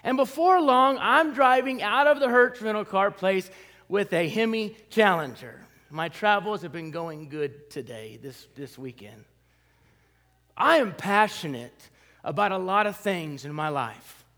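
A high-voiced man delivers a storytelling sermon in a church auditorium. He tells his stories in an animated way and pokes fun at himself. His words carry a long reverberant tail through the hall. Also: unhurried. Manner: animated storyteller, self-deprecating humor. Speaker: guest preacher.

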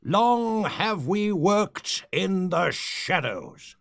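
An actor playing a pompous, short-tempered male leader of a secret candy society in a comedy audio sketch, with grand theatrical speeches and a gravelly voice. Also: very animated, drawn-out words, a bit bright, no room sound, studio quality, exaggerated voice. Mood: exasperated. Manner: theatrical, booming speeches, easily irritated.

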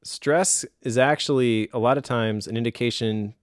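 A man's voice: mid-range voice, normal speed, no room sound, studio quality. A middle-aged man co-hosting a podcast in casual chat, reflective and acting out excuses in quoted voices. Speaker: podcast co-host.

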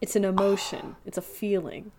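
A woman in casual group chat who drops dry quick quips and pushes the group to stay on track. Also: medium pitch, fairly even intonation, a loud crowd.

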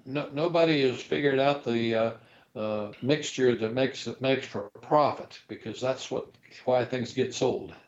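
An older man with a mid-pitched voice chatting casually on a podcast. He searches for words, repeating himself and restarting sentences as he goes. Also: unhurried, dull audio. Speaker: podcast co-host. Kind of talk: casual chat.

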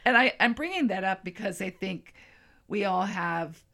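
A middle-aged woman co-hosting a casual talk show. She speaks in a thoughtful, searching way. She often pauses and restarts while she works out what to say. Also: medium pitch, expressive, gravelly, fairly bright tone. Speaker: co-host. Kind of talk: casual chat.

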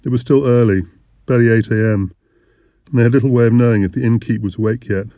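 A man reading an audiobook in measured, descriptive narration. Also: medium pitch, steady tone, mellow, dry recording.

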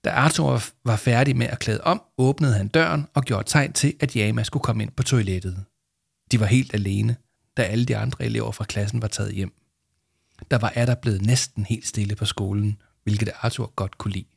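A man reads a children's storybook aloud in a calm, storytelling manner. His voice sits low and gravelly, with a dry, close sound and no room around it. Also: dry recording. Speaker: narrator. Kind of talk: storybook reading.

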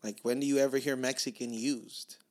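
A man's voice: medium pitch, fairly even intonation, fairly quick. A man, co-hosting a casual podcast chat with blunt, profane banter. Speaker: podcast co-host.

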